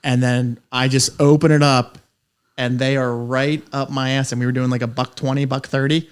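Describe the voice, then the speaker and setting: A man's voice: mid-range voice, level tone, normal speed, smooth. Rambling, swearing man telling stories. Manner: rambling, profane, laughs through stories. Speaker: podcast co-host. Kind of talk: casual chat, storytelling.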